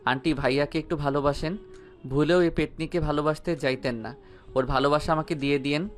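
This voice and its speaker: A man's voice: a little high, fairly even intonation, brisk, faint music behind, lightly acted. Man playing a cheeky teasing young guy. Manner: playful teasing. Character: young male student, cheeky teasing joker.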